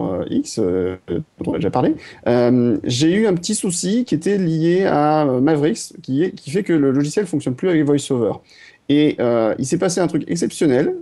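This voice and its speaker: A man's voice: a little high, warm tone. A man on a tech podcast panel, talking casually and hesitantly, with many fillers and restarts.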